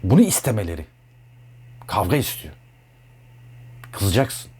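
A man with a husky voice giving a heated, blunt talk as an astrologer. His pitch swings widely and he keeps hammering the same points. The tone is loose and off-the-cuff. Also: very animated, a little slow, a little mellow. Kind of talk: casual monologue.

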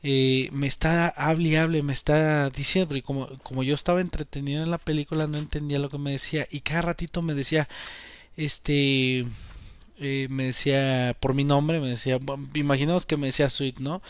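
A man's voice: a little high, fairly even intonation, a little fast, smooth, dry recording. A young man ranting in a casual vlog, indignant and rambling with many filler words. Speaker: gaming youtuber.

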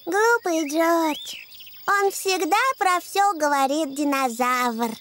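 A woman's voice: extremely high pitch, takes it slowly, fairly bright tone, slight background noise, exaggerated voice. A woman voicing a cheerful, bossy little girl pig in a children's cartoon dub, with childlike, emphatic delivery.

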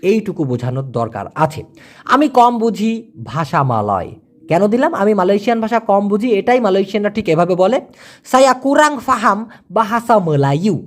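A language teacher, giving a casual spoken lesson and repeating example phrases slowly, word by word. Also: mid-range voice.

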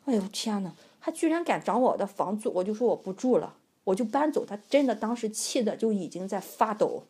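A young adult woman vlogger telling a casual, animated and indignant story about a bad landlord. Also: mid-range voice, fairly quick, slightly rough.

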